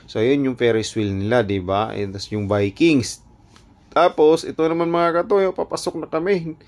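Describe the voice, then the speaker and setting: Nagbibirong lalaking vlogger sa perya. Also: male voice, medium pitch, steady tone, normal speed. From Philippines. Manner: joking, self-mocking, laughs often. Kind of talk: casual vlog narration. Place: outdoor night market and carnival.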